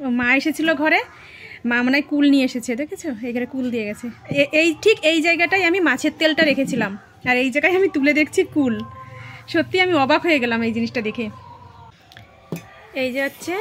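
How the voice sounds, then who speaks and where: A woman's voice: high voice, slight background noise. A woman vlogger chatting casually as she shows viewers around her small tin-roofed home and tidies it up. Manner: drops to a hushed voice while the children sleep. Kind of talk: casual home vlog narration.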